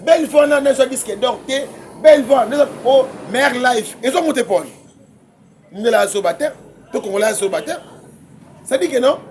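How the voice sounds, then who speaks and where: A man, debating music as a guest commentator, excitable and quick to laugh, often repeating his words. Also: very high-pitched, a little hiss or hum. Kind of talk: heated casual debate.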